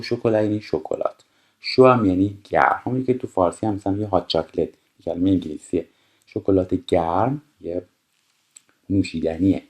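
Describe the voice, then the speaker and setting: A man with a very deep voice teaches a French lesson from a textbook. His first language is Persian. He reads each phrase slowly and deliberately, then explains it at a quick conversational pace. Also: a little mellow.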